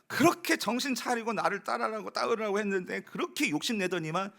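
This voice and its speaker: A man's voice: sits high, a little fast, creaky, fairly bright tone, voice pushed up. A pastor acting out an exasperated male shepherd who nags and sarcastically scolds a lost sheep. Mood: scolding.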